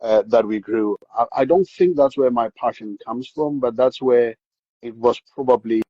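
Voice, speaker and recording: A slightly rough, medium-pitched man's voice moves at a moderate pace on a lo-fi recording with no echo. He's South African, with the accent to match, and as a podcast guest he casually and animatedly recalls his upbringing, repeating words and restarting often.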